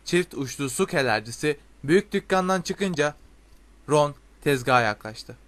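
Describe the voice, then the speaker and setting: A man reading a storybook aloud in a steady, expressive way. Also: a little high, a little slow. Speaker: audiobook narrator. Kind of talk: storybook narration.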